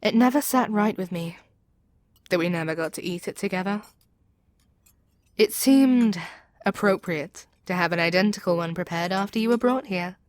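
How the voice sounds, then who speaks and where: A woman's somewhat low voice, very dry and without room sound, portrays a proud, seductive demon queen in an ASMR audio roleplay, addressing her captive with theatrical command and persuasion suited to intimate audio drama. Here her mood turns wistful and curious, and she sounds close to her everyday voice.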